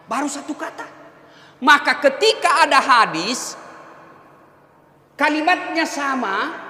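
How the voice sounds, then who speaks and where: A high-pitched man preaches with a lively, swooping voice. His teasing, emphatic sermon rings through a large, echoey hall with a long reverb. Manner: teasing, emphatic, rousing the audience with shouted calls. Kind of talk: humorous sermon to a crowd.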